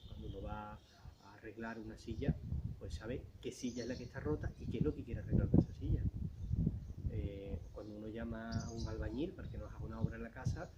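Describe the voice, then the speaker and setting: A man's voice: fairly low pitch, fairly even intonation, a little fast. A man giving a catechism lesson in a conversational way, explaining with everyday examples and frequent rhetorical questions. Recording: dull lo-fi recording with loud background noise.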